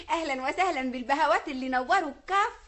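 A woman's voice: sits high, rapid-fire, fairly bright tone. A woman with an Egyptian accent playing a coy, teasing young village girl in a radio comedy. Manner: coquettish, giggly teasing. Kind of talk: vintage radio comedy acting.

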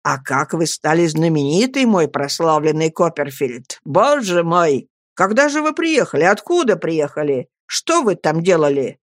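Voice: mid-range voice, sing-song, unhurried, hardly any pauses, no room sound, studio quality. A reader doing a gushing young lawyer. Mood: excited. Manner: effusive, exclaiming, repeating endearments. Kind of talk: audiobook character reading.

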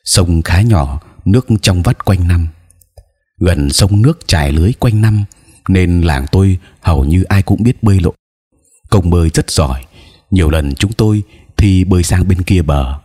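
A man reading aloud his own story as a measured, deliberate storyteller. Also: low-pitched, dark tone, husky. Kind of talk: storytelling narration.

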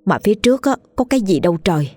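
A woman's voice: medium pitch, big pitch swings, racing, warm tone, no echo. A woman voicing an anxious, stammering old peasant wife in a ghost story. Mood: scared. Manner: stammering, fearful speech. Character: anxious old peasant wife, sharper than her husband.

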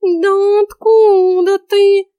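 A woman's voice: very high-pitched, animated, extremely slow, dry recording, studio quality, voice pushed up, full character voice. A woman voicing a lazy, talkative male house cat who grumbles in a sleepy, whiny way. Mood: whiny grumbling.

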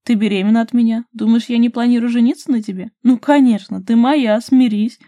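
A woman voicing a gruff, loving man who grumbles jokingly and whispers tenderly in an audiobook. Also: quick pace, warm tone, dry recording. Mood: firm. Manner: husky low whispers, mock grumbling.

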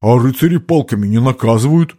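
Male reader as a hulking naive squire, earnest and slow-witted, blurting complaints. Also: mid-range voice, expressive, warm tone, natural voice. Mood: indignant. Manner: blurting, indignant, simple.

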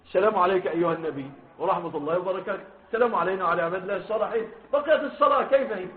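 Speaking very fast in a high voice, an Egyptian Arabic-accented man teaches hadith, putting weight on the quoted wordings and questioning his students. The audio is lo-fi, like a phone recording.

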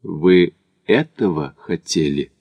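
A man voicing Macdonald, a weary, irritable male traveler who speaks low and clipped, in an audiobook. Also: flat delivery, normal speed, no echo, highs cut off. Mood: gloomy. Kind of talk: audiobook character voice.

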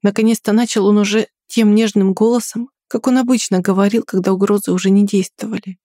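A woman reading a first-person story aloud in a quiet, restrained way. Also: mid-range voice, fairly even intonation, a little fast, no room sound, clean studio sound. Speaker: audiobook narrator.

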